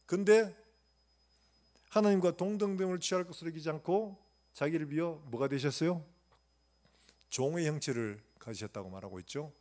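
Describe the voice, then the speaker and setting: A man's voice: a little high, normal speed, long pauses, darkish tone. A male pastor preaching a sermon in a church, asking the congregation questions and acting out quotes.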